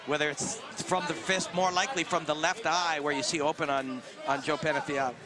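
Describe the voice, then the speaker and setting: A man's voice: fairly high pitch, flat delivery, a little fast. A man doing play-by-play commentary on a fight, explaining technique and strategy. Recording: commentary over crowd and music.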